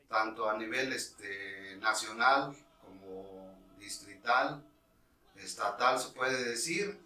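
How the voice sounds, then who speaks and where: A man in his fifties from Mexico, a guest telling in a relaxed way, with many fillers, how he became a referee. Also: mid-range voice, reverberant, recorded from a distance, poor audio. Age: 50s. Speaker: guest, former futsal referee. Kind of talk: casual interview storytelling.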